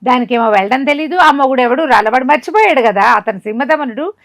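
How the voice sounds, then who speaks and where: Here a woman storyteller speaks at a quick pace in a high-pitched voice, captured with clean studio sound and no echo. She retells a folk tale to a listener in a chatty, animated way, performing the characters' lines herself.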